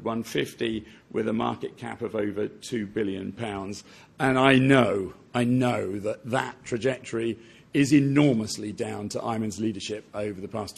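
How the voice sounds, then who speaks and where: A man with a heavily gravelly, husky voice introduces a guest speaker at a formal event. He speaks in a measured way, listing achievements with small hesitations. He is heard through a podium microphone in a lecture hall. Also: lowish voice.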